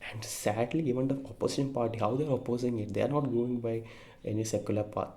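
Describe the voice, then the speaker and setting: A man's voice: medium pitch, fairly even intonation, fast, warm tone. A young Indian man with an Indian English accent, giving an earnest, emphatic opinion monologue to camera with frequent fillers and self-corrections. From India (Kerala). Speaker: vlogger.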